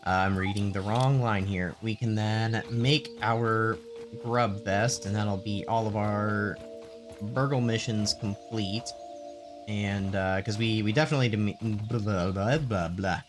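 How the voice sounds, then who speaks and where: Slow-talking man rambling over gameplay. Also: on the low side, steady tone. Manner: rambling, thinks aloud with many pauses. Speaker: let's play host. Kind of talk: casual gameplay commentary. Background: game music.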